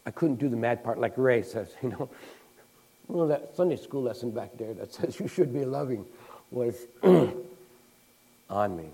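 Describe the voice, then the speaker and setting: A man's voice: mid-range voice, moderate pace, long pauses, dark tone, slightly rough, rough recording. A man preaches in a loose, conversational way, winding through personal stories. He trips over restarts and fillers, then jumps into the voices of the people he quotes. His voice sits in an ordinary middle range. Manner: storytelling, acting out quoted people. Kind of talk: conversational sermon.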